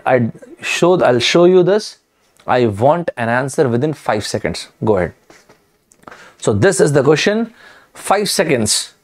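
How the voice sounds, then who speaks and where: Brief: young male online tutor, Indian English accent, upbeat and repetitive, slightly high voice. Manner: energetic, repeats words, asks viewers to type answers. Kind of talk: live online vocabulary lesson.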